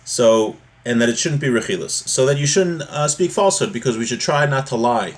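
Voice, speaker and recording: Reading from a text and then explaining it, a man leads an informal religious lesson in a medium-pitched, animated voice. His explanations come out halting, repetitive, and conversational.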